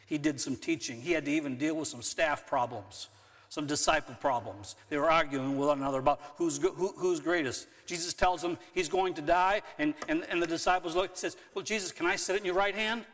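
A man's voice: a little high, brisk. A male pastor giving a conversational sermon, now and then acting out quotes with a raised voice. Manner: conversational, rising to animated acted-out quotes. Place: church sanctuary. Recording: long church hall reverb.

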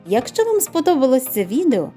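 Woman storyteller, bedtime fairy tale, clear and lively. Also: high-pitched, fairly quick, soft background music. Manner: expressive, clear.

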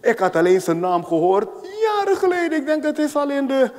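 A man preaching a sermon as pastor, telling stories with lively acted-out voices. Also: extremely high pitch, fairly quick. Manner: animated storytelling, acting out voices. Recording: long hall reverb.

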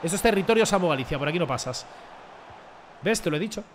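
Excitable young man, high voice. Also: fast, slight background noise. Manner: joking, bursts into shouts at plays. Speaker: gaming streamer. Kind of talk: excited gameplay commentary.

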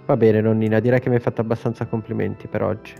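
A man's voice: lowish voice, flat delivery, fast, gravelly, warm tone, muffled recording, faint music behind. Man reading as a blunt protective young woman.

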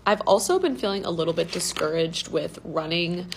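A woman's voice: on the low side, expressive, moderate pace, a little hiss or hum. A young adult woman chatting casually to camera as she eats, her mouth sometimes full. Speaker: teacher vlogger. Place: indoor school room with drop ceiling. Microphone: phone propped at arm's length.

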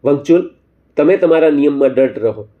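A man voicing a devout male friend who calmly exhorts others in a storybook tale. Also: a little high, normal speed, narrow, tinny audio, natural voice. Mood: exhorting. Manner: calm, exhorting. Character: devout male lay friend, steady and sincere.

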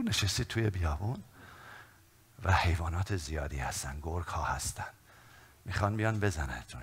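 A man preaching a Pentecost sermon as pastor, moving between hushed pleading and loud fervent calls to prayer. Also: lowish voice, creaky. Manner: builds from hushed intimacy to loud fervent exhortation; calls out repeated prayer lines for the congregation. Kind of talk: Pentecost sermon with altar call.

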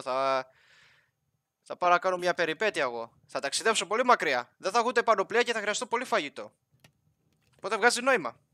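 A man's voice: mid-range voice, sharp tone, dry recording. A young man casually commentating his Minecraft playthrough, chatting and joking with the villagers and animals in the game. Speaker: gaming YouTuber.

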